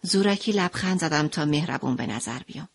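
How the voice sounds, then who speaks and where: Woman narrator, dramatic audiobook reading, husky voice, lively pitch, expressive. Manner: expressive, moving between quiet narration and impassioned outbursts. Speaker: first-person narrator of an audio story.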